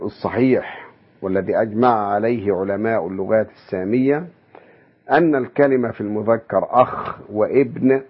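A man lectures in a low, unhurried voice, explaining step by step and pausing to ask his listeners questions. The sound is dull and lo-fi, like an old radio broadcast. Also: husky. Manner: measured, explanatory, asks rhetorical questions. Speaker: university lecturer. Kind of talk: academic lecture.

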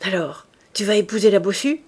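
A woman's voice: mid-range voice, animated, fairly quick, a little mellow, husky. A woman voicing a fierce, domineering young woman in an audiobook of a classic novel, speaking in an imperious, threatening way. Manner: imperious and threatening, raises her voice. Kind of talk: audiobook character reading.

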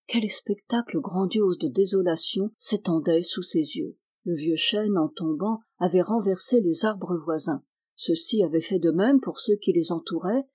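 Woman reading a fairy tale, breathy. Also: fairly low pitch, no echo. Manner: steady, expressive reading. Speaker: storyteller.

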